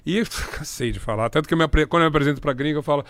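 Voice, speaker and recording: Middle-aged Brazilian man, journalist, animated storyteller, high voice, dry close sound. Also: racing, no room sound. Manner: animated, laughs often, acts out quoted voices. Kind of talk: anecdotal storytelling in a conversation.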